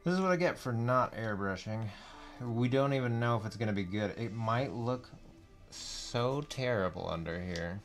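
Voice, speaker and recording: A man hosting a relaxed live stream who laughs and thinks aloud as he paints. His voice moves animatedly up and down. Faint music plays underneath. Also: mid-range voice, normal speed. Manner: rambling and laughing, thinking aloud while working. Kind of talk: casual live stream chat.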